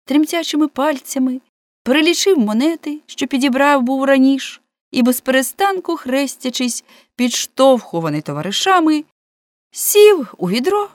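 A woman narrating a story in an expressive audiobook reading. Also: high-pitched, no echo.

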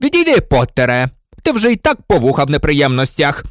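A man's voice: a little high, very animated, moderate pace, dry recording, studio quality, voice pushed up. A man reading aloud, voicing a cold, vengeful male professor who speaks in a silky, sneering tone. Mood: furious.

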